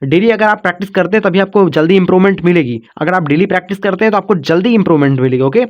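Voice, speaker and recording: A man's voice: high-pitched, rapid-fire, dull audio. A man teaching an online spelling lesson, patiently breaking words into syllables, repeating himself often and checking in with his students. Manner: calls listeners "kids" and "brother", checks in with "okay".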